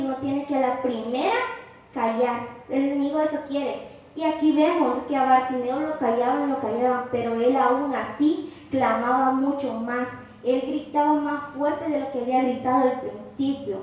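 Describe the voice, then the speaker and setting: A woman preaching a sermon in church, earnest and impassioned, with loud rising cries at times. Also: high-pitched. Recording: very echoey church hall, faint noise.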